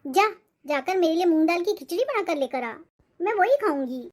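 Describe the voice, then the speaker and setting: A harsh, demanding old grandmother snaps out shrill, very high-pitched complaints. She is a hard-to-please cartoon elder who keeps finding fault. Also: expressive, moderate pace. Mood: scolding. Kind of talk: cartoon voice acting.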